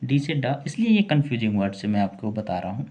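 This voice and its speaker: A man teaching English spelling and pronunciation, spelling out letters one by one and repeating each word slowly. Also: mid-range voice, big pitch swings, dark tone. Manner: slow, repeats words, spells letters aloud. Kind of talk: spoken spelling lesson.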